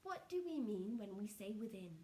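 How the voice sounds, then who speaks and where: A woman speaking as a trance channelling seance medium, solemn and measured, delivering spiritual messages in short halting phrases. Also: medium pitch, big pitch swings, dark tone.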